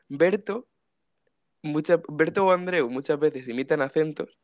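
A man co-hosting a casual comedic podcast speaks at medium pitch with no room sound. A jokey storyteller, he laughs often and acts out quotes.

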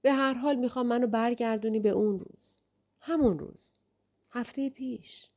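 A woman's voice: high-pitched, lively intonation, dark tone, voice pushed up. Woman voices a proud young woman, insistent and pleading, a bit raised. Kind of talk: audiobook dialogue.

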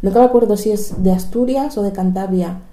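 A woman's voice: mid-range voice, brisk, warm tone. A woman in her forties from Equatorial Guinea hosting a podcast conversation, affirming her guest and laughing often. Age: 40s. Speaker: podcast host. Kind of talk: casual interview chat. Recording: echoey room.

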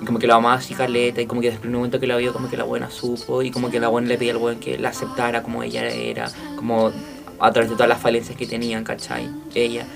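Gravelly Chilean man telling a story. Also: mid-range voice, rapid-fire, music in the background. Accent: Chilean Spanish. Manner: chatty, slangy, animated storyteller. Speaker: podcast co-host. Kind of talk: casual chat, storytelling.

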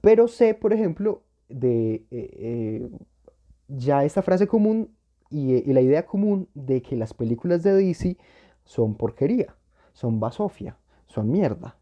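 A man's voice: fairly high pitch, sing-song, a little slow, muffled recording. A man co-hosting a casual podcast chat, reacting with theatrical exclamations. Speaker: podcast co-host.

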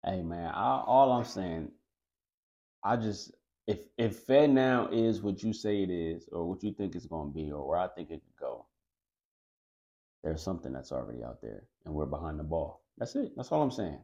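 A man's voice: low-pitched, animated, moderate pace, warm tone, dull audio. A man co-hosting a podcast in casual chat, pushing back and arguing his own point. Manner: argumentative, pushes back. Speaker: podcast co-host.

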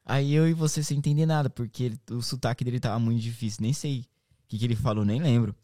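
A man hosts a chatty podcast with an accent from Brazil's São Paulo interior. His voice is cracked, reedy and hoarse, and he talks in a slangy, animated storytelling way. The sound is dry and close. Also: mid-range voice, fast talker, dry recording. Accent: Brazilian, interior São Paulo state. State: hoarse from shouting. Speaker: podcast host.

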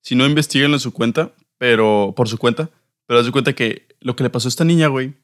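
A man's voice: mid-range voice, fast talker. A young man with a northern Mexican accent and a mid-range voice. He talks like a podcast co-host in a casual chat, informal and full of slang, swearing freely.

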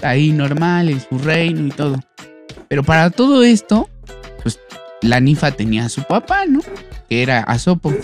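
A man's voice: a little high, sing-song, normal speed, faint music behind. A man with a Mexican accent retelling an old myth in a casual, slangy, crude way, like a friend telling a story among buddies.

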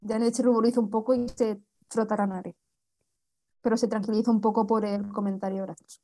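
A woman's voice: on the high side, flat delivery, a little fast, dark tone. A woman from playing a tabletop role-playing game, often hesitant and stammering. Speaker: player.

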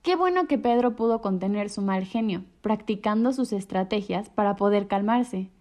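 A woman reading children's stories aloud on the radio in an expressive way. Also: medium pitch, moderate pace. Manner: expressive, animated read-aloud. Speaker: radio storyteller.

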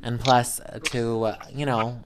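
A woman's voice: a bass voice, little pitch movement, slow. Young adult woman, casual podcast host, joking, self-deprecating, faintly noisy recording. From urban Montana, United States. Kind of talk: casual chat.

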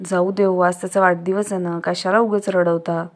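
A woman voicing a soft-hearted mother who speaks gently. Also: fairly low pitch, level tone, normal speed, lightly acted. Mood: gentle.

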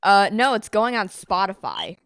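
A woman's voice: medium pitch, moderate pace, creaky, fairly bright tone, clean tone, no room sound, clean studio sound. Stammering woman podcast host. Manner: rambling, stammering, self-mocking. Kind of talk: casual chat. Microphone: video call.

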